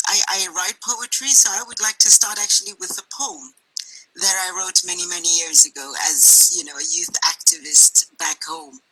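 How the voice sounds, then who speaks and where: A middle-aged woman with a South African accent talks over a video call. Her voice is very bright and a little husky. She speaks in an earnest, measured way. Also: on the low side, low-quality recording. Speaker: guest speaker. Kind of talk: poetry reading and personal talk on a video call.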